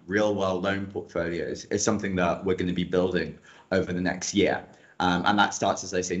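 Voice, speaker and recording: A man's voice: deep voice, fairly bright tone. A man in his thirties, a guest on a video call, explaining plans in an upbeat way with frequent ums. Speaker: guest, operations director. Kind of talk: answering questions on a video call. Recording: dull lo-fi video call audio.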